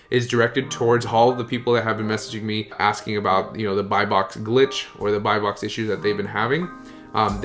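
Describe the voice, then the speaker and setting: A man's voice: mid-range voice, a bit bright. Man, casual screen-share tutorial, speaks to viewers as "you guys", faint guitar bed behind. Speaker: online seller coach.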